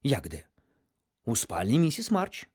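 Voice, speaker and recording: A man's voice: mid-range voice, wildly swooping pitch, a little slow, darkish tone, husky, no echo, studio quality, full character voice. A man voicing a kindly, scholarly male bear in a storybook, polite, fussy and easily embarrassed. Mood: rueful. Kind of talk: storybook character voice.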